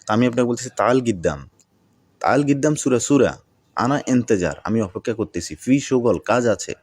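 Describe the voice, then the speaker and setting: A man teaching a video language lesson, who repeats phrases slowly and mixes English words into his explanations. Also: mid-range voice, lively intonation, a little mellow, dry recording.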